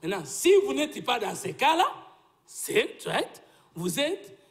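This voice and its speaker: A man argues hard in a political debate. His voice sits high and swings widely, insistent and lecturing. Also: big pitch swings, a little slow, a bit bright. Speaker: debate guest.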